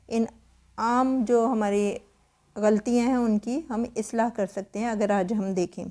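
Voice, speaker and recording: Woman teacher, patient and explanatory, with a somewhat high, mellow voice. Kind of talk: explaining spelling rules.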